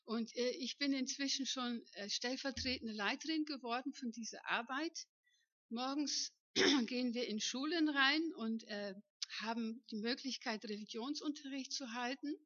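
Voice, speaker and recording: A woman in her fifties, raised in northern Germany, gives a chatty personal testimony as a missionary to a congregation in a church hall, often checking that the room agrees with her. Her voice is high and fairly bright at a moderate pace, recorded with no room sound and the highs cut off.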